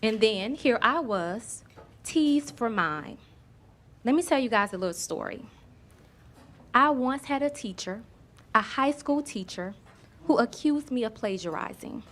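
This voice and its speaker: A woman's voice: fairly high pitch, lively intonation, unhurried, pauses often, fairly bright tone. A woman from Miami with a thick Southern US accent, giving a personal storytelling speech as a guest author, addressing the audience directly. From Miami, Florida.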